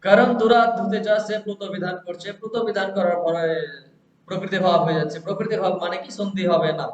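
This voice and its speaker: A man's voice: high-pitched, steady tone, fast. A man teaching a grammar lesson, who explains step by step and asks and answers his own questions. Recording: echoey, dull lo-fi room recording with faint hiss.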